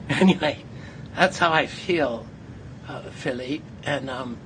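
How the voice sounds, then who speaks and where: A man's voice: medium pitch, fairly bright tone. Interviewer guy, gushing but stumbling over words, lots of ums, background noise. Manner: halting, effusive, with fillers. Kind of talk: conversational interview. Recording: noisy background ambience.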